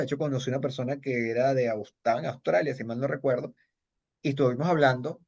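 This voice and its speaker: With a mid-range, slightly mellow voice, a middle-aged Venezuelan man who works as a kung fu master and judge rambles through stories in a relaxed interview. His speech carries a Venezuelan Spanish accent and lots of fillers and restarts, and the recording sounds dull and lo-fi.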